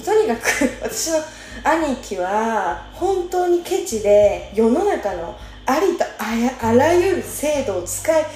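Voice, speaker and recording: A woman's voice: a little high, big pitch swings, slow pace, darkish tone. A young woman in her twenties casually telling a personal story, chatty and informal, laughing often as she talks. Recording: echoey room with faint music.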